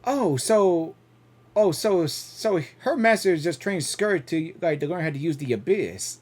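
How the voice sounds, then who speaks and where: A game reaction streamer offers casual commentary, halting and repeating words as they think aloud. The voice is mid-range, animated and a little mellow.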